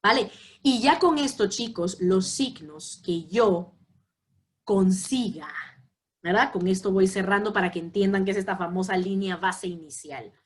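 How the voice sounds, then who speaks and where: A woman's voice: mid-range voice, unhurried. Female lecturer running a class, explanatory, stops often to check understanding. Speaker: psychology lecturer.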